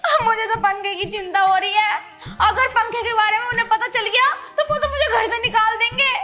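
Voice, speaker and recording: Woman playing a feisty village wife, very high voice, music underneath. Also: fairly even intonation, brisk, bright, forceful tone. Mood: worried. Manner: quarrelsome, dramatic. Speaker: comedy skit actor. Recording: music in background.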